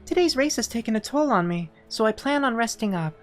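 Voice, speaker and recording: A woman voicing a gentle, polite young racing girl, reading her lines formally in a raised voice. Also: fairly high pitch, expressive, a little fast, faint music behind, voice pushed up, natural voice. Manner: formal, careful dub reading.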